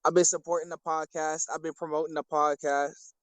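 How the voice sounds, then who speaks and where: High-voiced young man, laid-back. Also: flat delivery, a little fast, fairly bright tone, clean tone, no echo, rough recording. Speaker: podcast guest. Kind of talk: casual joking chat.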